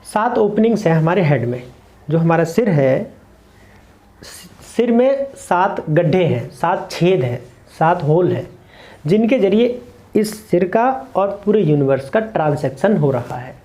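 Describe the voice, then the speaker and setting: Guy with a high soft mellow voice explaining meditation to camera, earnest, keeps listing things. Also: big pitch swings, measured pace. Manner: earnest, repeats points in short lists. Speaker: meditation teacher. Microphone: camera mic, speaking to camera.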